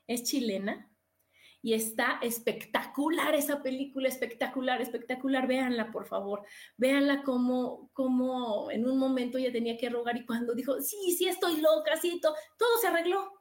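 A woman hosts her podcast in an easy, chatty way, with a high voice. She talks with expressive swings, acts out quoted exchanges in other voices and repeats key words for emphasis. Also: moderate pace. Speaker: podcast host. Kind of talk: casual self-help talk.

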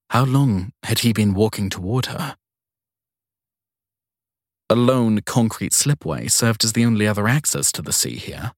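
A man with a fairly deep, husky voice reads crime fiction for an audiobook. The recording is close, dry, and a bit bright, with no sense of room around it.

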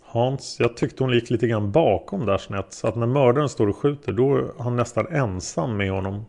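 A man reading the lines of a hesitant male taxi driver being questioned as a witness, in a plain, halting way. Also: mid-range voice, creaky, a little mellow. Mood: unsure. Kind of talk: read-aloud interrogation transcript.

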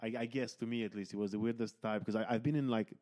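A man's voice: on the low side, steady tone, quick pace, a little mellow. A man hosting a podcast, talking candidly in rambling sentences full of fillers and restarts. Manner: candid, swears casually. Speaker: podcast host. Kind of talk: casual conversation.

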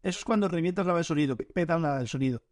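A man's voice: a little high, rapid-fire. A man co-hosting a casual podcast, rambling with enthusiasm and swearing freely. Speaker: podcast co-host.

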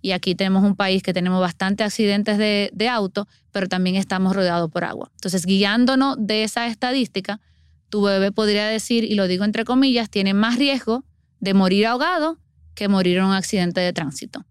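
A woman's voice: medium pitch, fairly quick, smooth, no echo, clean studio sound. A middle-aged woman, earnestly explaining child water safety as a guest on a podcast. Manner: earnest, explanatory, acts out everyday scenes.

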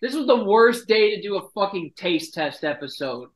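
A man hosts a loose podcast chat with friends. He is brash and profane, quick with a joke. He sounds a little queasy throughout. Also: sits high, animated, low-quality recording. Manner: swearing, brash and joking. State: feeling sick and nauseous. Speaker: podcast host. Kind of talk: casual chat.

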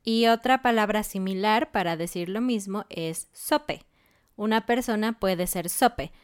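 A woman's voice: mid-range voice, measured pace, clear, resonant tone. A woman with a Mexican accent who patiently explains slang in a casual lesson and laughs easily. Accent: Mexican Spanish. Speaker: Spanish teacher.

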